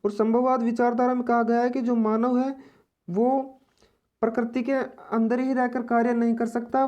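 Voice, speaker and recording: A woman teaching an exam-prep lesson, explaining slowly and repeating each point in other words. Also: on the high side, warm tone.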